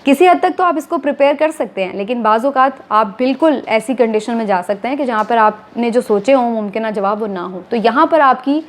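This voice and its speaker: A woman, a TV anchor calmly explaining to viewers, step by step, how to become a news anchor. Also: on the high side, brisk, hardly any pauses. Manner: steady, explanatory, addressing viewers formally. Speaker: TV anchor giving career advice. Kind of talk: instructional talk to camera.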